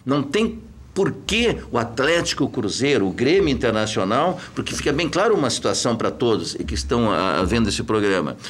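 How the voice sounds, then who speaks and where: A man's voice: mid-range voice, very animated, a little fast, a bit bright, slight background noise. A man from southern Brazil, emphatically explaining football business as a guest on a talk show.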